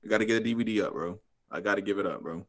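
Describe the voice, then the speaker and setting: A man's voice: lowish voice, rapid-fire. An American man chatting casually on a podcast in a laid-back frat-bro manner, calling everyone bro. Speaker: podcast host.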